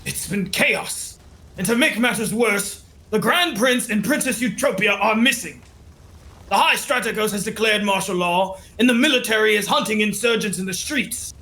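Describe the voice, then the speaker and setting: A man's voice: high-pitched, bright, forceful tone. A man as a weary noble reporting. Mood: grave. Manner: measured, formal.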